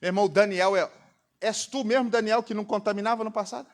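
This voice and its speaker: A Brazilian pastor preaching a sermon to a congregation, throwing out rhetorical questions for the crowd to answer. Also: male voice, high voice, steady tone, fast talker. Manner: rhetorical call-and-response questions. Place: church congregation.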